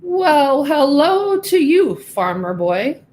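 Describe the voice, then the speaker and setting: A woman voicing a big, proud male show pig in a storybook reading, talking pompously and slowly. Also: sits high, very animated, a little mellow, slight background noise, voice pushed up, full character voice. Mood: boastful. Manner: pompous, slow and drawn-out.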